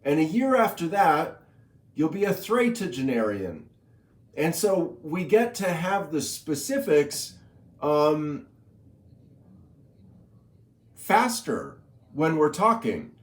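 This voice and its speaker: Slow, playful man in an echoey room. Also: fairly high pitch, very animated. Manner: playful, teasing; recites long lists of coined number words. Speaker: inventor explaining his number system. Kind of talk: casual spoken explainer.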